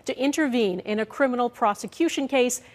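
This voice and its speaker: A woman's voice: fairly high pitch, fairly quick. A woman reading broadcast news in a formal scripted style, with reverb. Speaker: news presenter.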